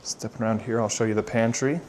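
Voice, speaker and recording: A man's voice: fairly low pitch, steady tone, fast talker, a little mellow, a little hiss or hum. Upbeat man giving a home tour. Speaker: real estate agent giving a model home tour. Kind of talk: walk-through home tour, casual presenting.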